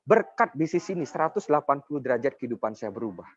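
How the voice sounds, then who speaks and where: A man's voice: medium pitch, very animated, quick pace, husky, no room sound. A young man in his twenties giving a persuasive motivational sales presentation, often addressing his audience directly. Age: 20s. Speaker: network marketing presenter. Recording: dull lo-fi dry sound.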